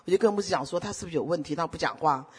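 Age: middle-aged. Sex: woman. Style: sermon. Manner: emphatic preacher, husky tone. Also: sits low, rapid-fire. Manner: emphatic, rhetorical questions to the congregation; swings between loud exhortation and soft storytelling.

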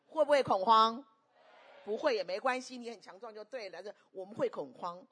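A woman preaching a sermon, animated and constantly questioning the congregation. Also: medium pitch, fast talker, breathy edge.

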